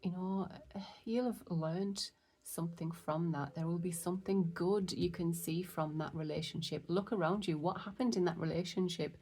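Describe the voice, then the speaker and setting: A woman giving a casual tarot reading, chatty and excitable, often dropping into soft whispers. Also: fairly low pitch, normal speed. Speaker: tarot reader.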